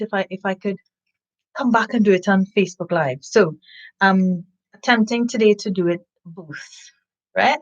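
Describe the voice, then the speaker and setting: Her voice is lowish, and the recording has the highs cut off. She hosts a live children's story time, chatting with listeners and reading a picture book in an animated way, with sniffing and asides to the audience.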